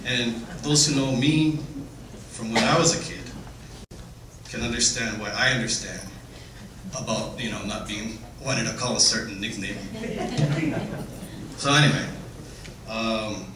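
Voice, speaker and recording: A middle-aged man giving an informal, tender family eulogy in a halting, faltering way, telling simple anecdotes. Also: on the low side. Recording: echoey room, distant mic, clear background noise.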